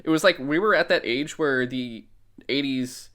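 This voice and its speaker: Animated man telling comics stories. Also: mid-range voice, normal speed. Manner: animated storyteller, swears, acts out quotes. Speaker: podcast co-host. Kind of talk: casual chat about comics.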